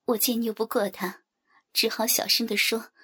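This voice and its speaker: A woman narrating a story in a soft, breathy, half-whispered voice. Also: fairly high pitch, little pitch movement, moderate pace. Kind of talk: whispered erotic story reading.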